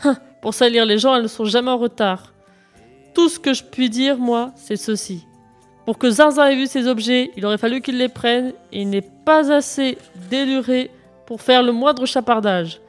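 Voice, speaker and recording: A rude giant of a man barks and sneers at everyone in this storybook scene, voiced by a woman. His voice sits up high and loud, full of contempt. Faint music plays beneath. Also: normal speed, lightly acted. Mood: indignant. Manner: gruff, scornful, loud.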